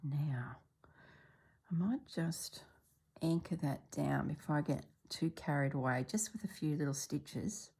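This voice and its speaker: Sitting low in pitch and keeping a measured pace, an Australian woman in middle age chats easily while stitching for her vlog. She's slightly congested, clears her throat on occasion, and lapses into soft murmuring mid-task.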